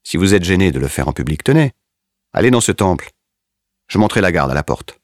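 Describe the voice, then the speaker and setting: A man's voice: low voice, very animated, fairly quick, no echo, clean studio sound. A man voicing a brutal, jeering male army lieutenant in a story reading, with a mocking, pushy manner. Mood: leering.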